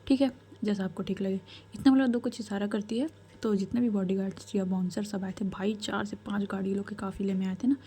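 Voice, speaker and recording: A woman narrating a love story in a casual, chatty manner, dropping in conversational asides to the listener. Her voice is mellow and warm in tone, and she often drops to a soft, half-whispered delivery. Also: medium pitch, fairly even intonation, fairly quick, few pauses, husky.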